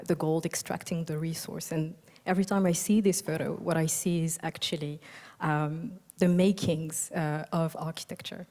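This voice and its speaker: A young Algerian woman, an architect, gives a conference keynote in a soft, thoughtful manner, filling her pauses with ums and uhs. Her slightly low voice is mellow and warm, and a long reverb from a large hall lingers behind her.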